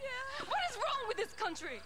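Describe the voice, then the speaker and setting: A woman's voice: very high-pitched, sing-song, moderate pace. An actress playing an angry frontier townswoman in a western game, with an American accent and an accusing, impassioned delivery. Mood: distraught, bitter. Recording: loud music behind.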